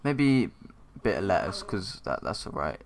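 A man's voice: low voice, big pitch swings, normal speed, vocal fry. A man co-hosting a podcast, rambling through crude jokes in casual chat. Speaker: podcast co-host.

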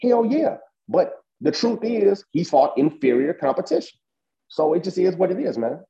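On a muffled recording, a high-voiced man co-hosts a boxing chat show at a moderate pace. He comes across as animated and emphatic, speaking casually and leaning heavily on fillers.

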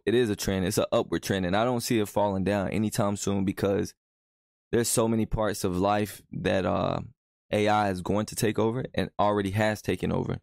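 A young man hosts a solo podcast in a loose, conversational flow, often tossing in "you feel me". His voice sits fairly low with a gravelly fry. The sound is dry and close, with no room around it. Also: darkish tone, no room sound. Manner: laid-back, conversational, frequent "you know what I'm saying". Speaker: podcast host. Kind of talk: casual solo podcast monologue.

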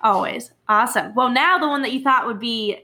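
Woman in her twenties, cheerful podcast host, laughs a lot, somewhat high voice. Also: brisk, pushed and bright. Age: 20s. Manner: bubbly, laughs often, upbeat intro voice. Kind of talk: casual chat. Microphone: video call.

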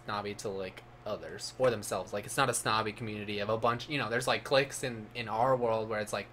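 Low-voiced animated young man. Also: fast talker, slight background noise. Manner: animated, swears, repeats words. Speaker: podcast co-host. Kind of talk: casual chat.

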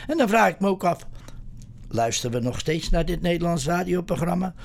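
A man hosting a community radio show, talking casually with frequent pauses and restarts. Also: sits high, animated, vocal fry. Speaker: radio host.

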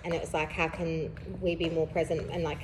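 A woman's voice: deep voice, flat delivery, fairly quick, noisy background. A young woman, chatting candidly as a podcast host, rambling with lots of fillers and laughing through heavy subjects. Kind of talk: casual candid chat.

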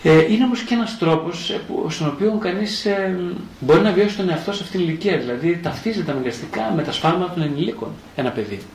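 A man with a fairly high voice lectures as a psychotherapist, and his pitch swings widely as he asks questions and answers them himself. Now and then he slips into the first-person voice of a child. The room is echoey, with faint noise underneath. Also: expressive.

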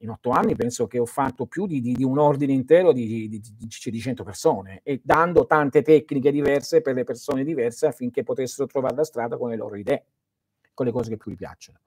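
Male live-stream teacher, mid-pitched, earnest and didactic, dry close sound, loud stresses that fall to near-whispers. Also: fairly quick, breathy edge, dry recording. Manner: earnest, didactic, speaks straight to listeners. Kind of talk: answering viewer questions in a live stream.

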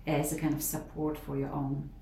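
Her delivery is completely flat: a low, mellow voice at a moderate pace from a middle-aged Polish professor with a Polish accent. She answers interview questions thoughtfully but with many fillers and restarts. The recording has a little hiss or hum, faint ambience and a roomy, slightly distant sound.

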